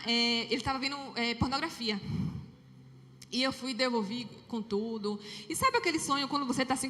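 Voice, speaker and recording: A woman giving a personal testimony in church, telling her story in an animated way and acting out the dialogue. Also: fairly high pitch. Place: church hall. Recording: long hall reverb with faint music.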